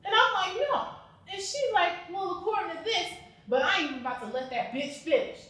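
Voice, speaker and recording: A woman's voice: very high voice, expressive, a little fast, fairly bright tone. A young woman acting a monologue as a defiant mother facing eviction, talking bluntly and profanely and flaring into outrage. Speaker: student actor. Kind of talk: dramatic monologue. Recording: very echoey room, mic far off.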